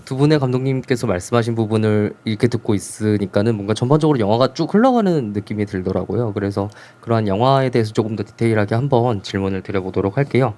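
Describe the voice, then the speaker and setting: Fast-talking polite male moderator. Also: on the low side, dark tone. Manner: polite, frequent filler "ne". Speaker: festival moderator. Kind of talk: formal hosted Q&A.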